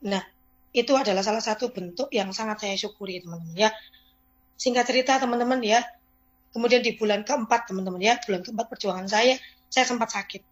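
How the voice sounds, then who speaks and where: A woman's voice: medium pitch, a little fast. A woman insurance agent sharing her story with colleagues, chatty and constantly addressing her audience. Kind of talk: motivational testimony to colleagues.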